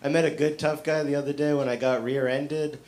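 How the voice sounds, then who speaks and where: On a comedy club stage, a South Shore, Massachusetts man runs through a stand-up set in a voice on the high side, brisk and fairly even in intonation. He pokes fun at himself, leans heavily on fillers, and acts out quotes, all caught in a noisy live recording.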